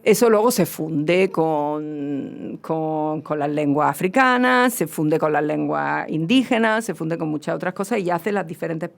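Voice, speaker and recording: A woman with a low, gravelly voice and a southern Spanish accent speaks a little slowly as a guest linguist in a radio conversation. She lectures, restarting often and adding tag questions.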